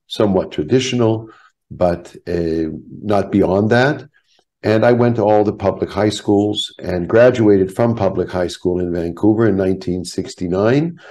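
A man in his seventies from Canada, a rabbi telling his life story in a measured, reflective way over a video call. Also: low-pitched, dark tone. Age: 70s. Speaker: guest, rabbi. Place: home office. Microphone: video call webcam.

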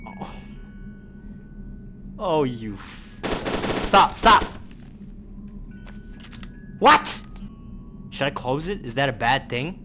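A young man playing a horror game, swearing, yelling and pleading at jump scares. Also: medium pitch, expressive, takes it slowly, pauses often, music in the background. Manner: jumpy, profane, yells and pleads at the game. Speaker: gaming YouTuber. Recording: noisy background.

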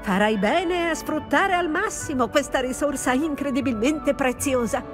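A woman playing a brisk, encouraging older professor of magic in a video game, speaking in an articulate, instructive way. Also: high-pitched, music in the background, natural voice.

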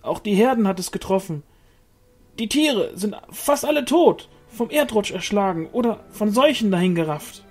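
Man doing a high, timid peasant farmer. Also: expressive, faint music behind. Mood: intimidated. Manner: halting, shy, eager.

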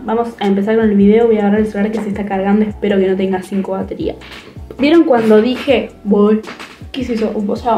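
A woman's voice: mid-range voice, highs cut off. Teen girl vlogger with a Rioplatense accent, hyper and rambling, echoey bedroom with faint music. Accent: Rioplatense Spanish. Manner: excitable, rambling, fast-changing expressive delivery. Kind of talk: casual chat to camera.

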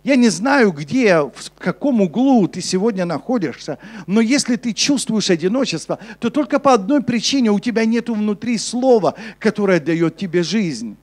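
Young male pastor with a high voice. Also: expressive, normal speed, hardly any pauses. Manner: preaching with rising intensity, then dropping soft and low for scripture. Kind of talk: sermon. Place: church stage before a congregation. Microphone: handheld mic.

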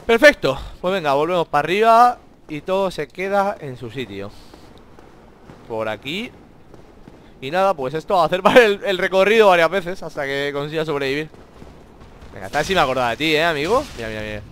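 A man with a Spain Spanish accent giving excitable let's-play commentary, swearing a lot and talking to the enemies on screen. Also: a little high, fairly quick, long pauses, a little hiss or hum. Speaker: gamer playing a video game.

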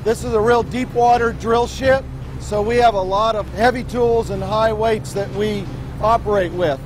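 A man's voice: high-pitched, moderate pace, rough recording. A middle-aged man giving an informative technical explanation, as a drilling expert on a tour.

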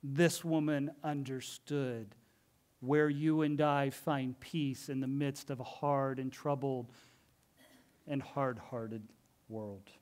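A man's voice: mid-range voice, steady tone, slow, a little mellow. A middle-aged man preaching a sermon in a church, telling stories in an earnest, emphatic way. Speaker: pastor. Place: church sanctuary.

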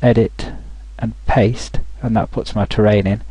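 Man, software tutorial voice-over, husky, dry close sound. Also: fairly low pitch, fairly even intonation, a little slow, dry recording, low-quality recording. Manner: thinking aloud with frequent restarts. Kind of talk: screen-recorded tutorial narration.

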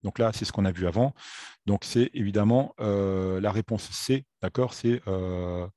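A French-speaking man giving a video lesson on aviation, talking in a halting way with many fillers and self-corrections. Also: fairly low pitch, dark tone, dry recording. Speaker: aviation theory instructor.

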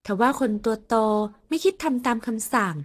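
A woman narrating an audio novel in a soft, measured reading voice. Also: fairly high pitch, animated.

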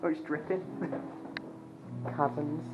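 A woman's voice: low-pitched, steady tone, slow pace. A middle-aged woman chatting casually as she comments on a walk through a cave. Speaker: vlogger. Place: inside a show cave. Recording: dull lo-fi camcorder sound, loud music. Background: music playing in the cave.

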